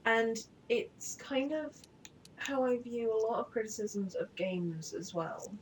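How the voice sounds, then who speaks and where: A woman's voice: on the high side, lively intonation, slow pace, background noise. A woman chatting casually and rambling on a live game stream, with many fillers and offhand swearing. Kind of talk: casual chat.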